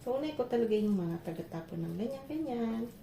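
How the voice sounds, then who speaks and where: Fairly high-pitched and animated, a woman from the Philippines speaks a bit fast with a creaky quality, and a slight hiss or hum is audible. She laughs often as she tells stories, cooking and chatting for her vlog in an echoey home kitchen with heavy clatter.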